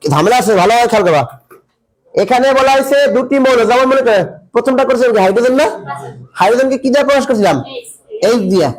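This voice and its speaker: High-voiced man teaching a chemistry lesson. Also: rough recording. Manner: asks students questions and answers them himself, repeats key points; colloquial, dialect-tinged Bengali.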